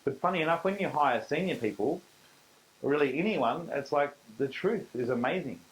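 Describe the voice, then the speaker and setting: A man's voice: on the high side, lively intonation, moderate pace, low-quality recording. A middle-aged Australian man presents a business seminar to a live audience. He talks in an easy, conversational way and leans hard on key points. He often acts out little bits of dialogue in the same voice.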